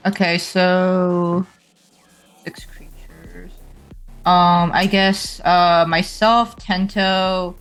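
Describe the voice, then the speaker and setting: A woman with a slightly low voice plays a tabletop game. She talks slowly and casually, tentatively thinking aloud over music. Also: level tone, smooth. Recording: music behind the voice.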